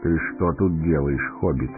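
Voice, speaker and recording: A man voicing a stern old male wizard who speaks in a measured, authoritative way in an audiobook. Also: sits low, voice pushed up. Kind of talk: audiobook character voice. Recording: narrow phone-like sound, faint music.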